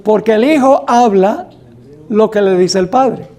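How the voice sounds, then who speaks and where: Slow and deliberate, a high-pitched, slightly mellow male pastor reads scripture aloud with emphasis in a Bible study and quizzes his congregation.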